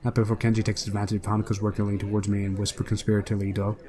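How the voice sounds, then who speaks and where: Let's player, man, low voice, casual game narration with quick asides. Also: completely flat delivery, warm tone. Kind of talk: reading a visual novel aloud with commentary.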